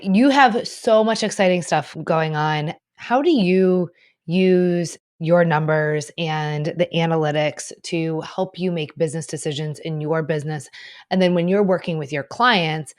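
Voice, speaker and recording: A woman's voice: low voice, moderate pace, no echo, clean studio sound. A woman hosting a podcast interview, speaking conversationally and affirming her guest. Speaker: podcast host.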